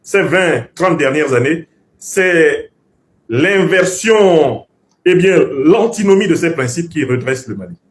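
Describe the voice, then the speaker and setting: Here is a male political commentator who first spoke Bassa, with a somewhat high voice and sweeping pitch. He speaks emphatically and professorially, like an orator who hammers his arguments by repeating them, his intonation lively and his pace slow.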